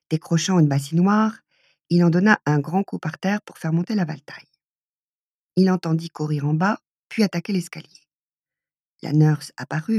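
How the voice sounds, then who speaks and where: Low-voiced woman reading an audiobook. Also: a little mellow, breathy edge, no echo, clean studio sound. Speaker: audiobook reader. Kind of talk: literary audiobook narration.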